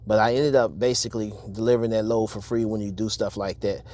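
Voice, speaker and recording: A man's voice: fairly low pitch, fairly even intonation, fast, darkish tone, slight background noise. Candid middle-aged man giving trucking advice. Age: 50s. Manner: candid, repeats himself for emphasis, many fillers. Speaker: truck driver and channel host. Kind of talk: casual advice vlog to viewers.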